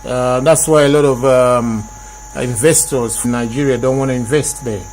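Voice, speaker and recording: A man's voice: mid-range voice, steady tone, normal speed, a little mellow. A man hosting a casual group discussion, often repeating and rephrasing his points for emphasis. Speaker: host.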